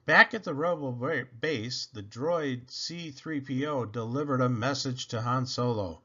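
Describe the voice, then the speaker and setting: In a scripted read-aloud, a man tells a children's adventure story, leaning dramatically on key phrases. His mid-range voice is pushed and bright, and he keeps a measured pace. The audio quality is dull and lo-fi.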